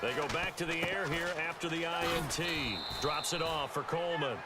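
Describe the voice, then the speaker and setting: A man's voice: on the high side, moderate pace, close to an everyday voice. A man with an American accent playing a play-by-play announcer, calling an American football video game. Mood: steady, informative. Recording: loud game noise behind voice.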